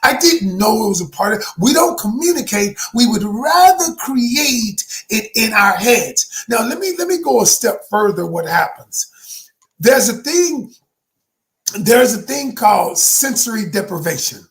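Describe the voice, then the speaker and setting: A man in his sixties works as a life coach, giving viewers a motivational talk with an emphatic, preachy delivery. He addresses them as "y'all," his volume swinging between hushed and shouted. His voice is high and very animated, though he never hurries.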